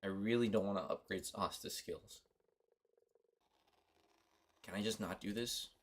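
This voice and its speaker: A man's voice: fairly low pitch, measured pace. A young man from Costa Rica streaming a mobile game, chatting offhand and rambling to his viewers. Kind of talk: casual livestream commentary.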